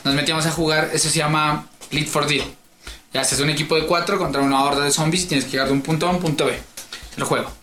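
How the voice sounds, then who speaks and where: Bright-voiced man telling stories. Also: a little high, fast talker, reverberant. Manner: animated storyteller, mimics accents. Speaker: podcast co-host. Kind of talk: casual chat.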